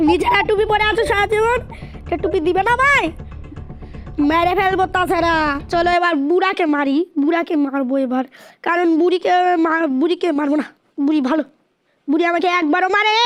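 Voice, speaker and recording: Super high voiced woman playing a horror game, yelling and taunting the bad guys. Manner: taunting, shouting at game characters. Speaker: gaming channel host. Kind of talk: excited horror game commentary.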